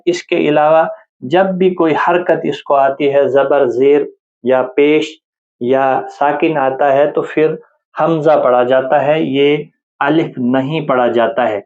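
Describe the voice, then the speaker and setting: A man teaching a reading lesson for beginners, explaining patiently and repeating each letter sound slowly. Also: on the high side, darkish tone, dull audio. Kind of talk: spoken lesson with slow drawn-out example sounds.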